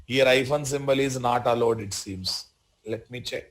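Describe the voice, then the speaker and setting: A man with a Telugu Indian accent gives a live programming lesson at a middle pitch. He speaks in short instructional phrases, says key points again, and keeps checking understanding with questions. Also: moderate pace. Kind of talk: live software tutorial.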